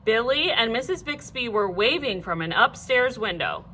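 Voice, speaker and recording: A woman reading a children's storybook aloud like a teacher, in an animated, clearly phrased way. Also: on the high side, normal speed, slight background noise.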